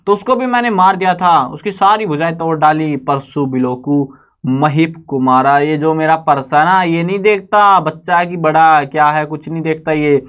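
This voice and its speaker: A man's voice: fairly high pitch, fairly bright tone, smooth. Chatty male teacher with a raised voice. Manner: recites verses slowly, then explains in chatty asides. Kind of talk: casual line-by-line explanation of a poem.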